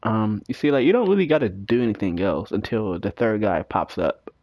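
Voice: mid-range voice, animated, a little fast, darkish tone, dry recording, clean studio sound. A scared horror game streamer giving casual, nervous, giggly commentary with swearing while playing. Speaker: video game player.

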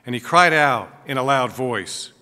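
A man reading the Gospel aloud at a Mass in a large church, with a measured, proclaiming delivery and a cathedral echo. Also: medium pitch, lively intonation, sharp tone. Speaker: Gospel reader at a school Mass. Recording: long church reverb.

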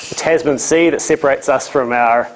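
A man's voice: mid-range voice, normal speed, rough recording. A man with a thick New Zealand accent giving an informal, dryly humorous illustrated lecture. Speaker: guest lecturer, ecology professor. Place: lecture room, speaking to a small audience.

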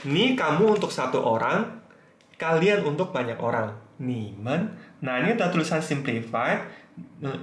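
A man teaching with flashcards, slowly saying each word twice so learners can repeat it. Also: a little high, echoey room. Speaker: Mandarin teacher. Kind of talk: flashcard tutorial.

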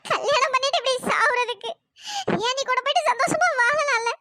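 A worried younger sister in a cartoon story, voiced by a woman pleads earnestly with her brother. Her voice is very high and squeaky, with a bright, sharp edge. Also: fairly quick, dry recording. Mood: pleading.

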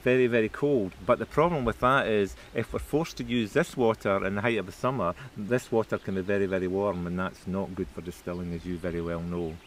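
Man with a lowish voice, outdoors. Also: fairly even intonation, a little fast, few pauses. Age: middle-aged. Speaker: distillery guide. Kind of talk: explanatory tour talk. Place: outdoors by a dam and pond. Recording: noisy outdoor location recording.

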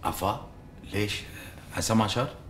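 An actor playing a middle-aged boss, brisk and fatherly. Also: fairly low pitch, fairly bright tone, a little hiss or hum, close to an everyday voice. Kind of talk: TV drama acting.

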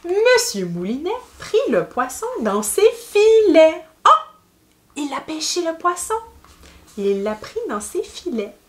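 Lively Québécois woman reading a kids' story. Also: sits high. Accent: Québécois French. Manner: animated, expressive, sound effects and asides to the child. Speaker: speech therapist reading to children.

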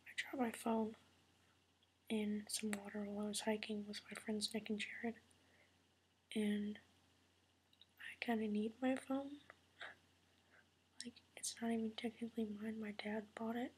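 A woman's voice: on the high side, a little hiss or hum. A tired young woman whispering a late-night vlog at home so as not to wake her mother. She rambles with many fillers and wears a retainer. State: tired and upset. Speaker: vlogger.

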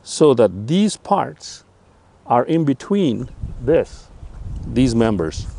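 An older man casually reviewing a camping chair outdoors by a lake on a lapel mic, talking in a relaxed, rambling way with lots of fillers. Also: mid-range voice, slow pace, vocal fry, a little hiss or hum. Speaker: gear reviewer.

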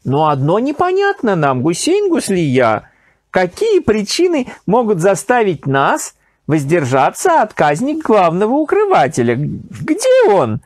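A man's voice: high voice, wildly swooping pitch, unhurried, no room sound, voice pushed up, heavily acted. A man voicing an imperious, impatient male emir who speaks of himself as "we", in a dry recording. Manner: haughty, impatient, royal "we".

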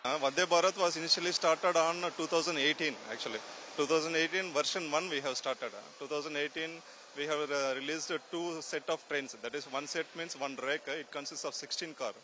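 A middle-aged man, a factory official, answering interview questions haltingly with many fillers, into a handheld mic indoors at a factory. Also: a little high, fairly even intonation, sharp tone, slight background noise. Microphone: handheld mic held to him.

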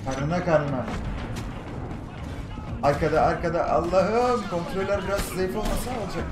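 A Turkish man streaming a game, chatting casually and excitedly, firing off repeated short words. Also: high voice, moderate pace, roomy sound, loud music behind the voice. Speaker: gaming streamer. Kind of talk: casual gameplay commentary.

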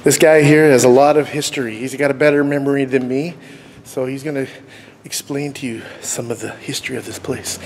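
Middle-aged man vlogging over clear background noise. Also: medium pitch, steady tone, a little fast, darkish tone. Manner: informal, joking. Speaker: host of urban exploration vlog. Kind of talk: casual night vlog chat. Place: dark abandoned building and outdoors at night. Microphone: handheld camera at arm's length. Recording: noisy handheld camera audio on location.

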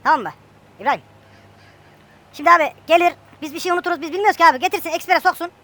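Fast, bright-voiced woman joking around. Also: very high-pitched. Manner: joking, bantering with a friend. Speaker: gameplay streamer. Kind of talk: casual chat while playing a farming game.

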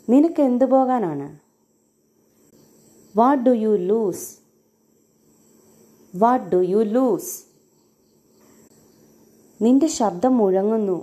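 A woman English teacher with a Malayali accent, saying short phrases slowly and clearly, each one twice. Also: fairly high pitch, dark tone. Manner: slow, deliberate.

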